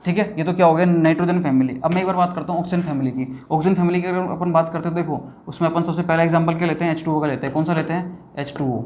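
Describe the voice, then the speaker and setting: A man gives a conversational chemistry lecture at a whiteboard, asking questions and answering them himself while often saying "bhaiya" and "theek hai." His voice is a little high and a little mellow, with slight hiss or hum.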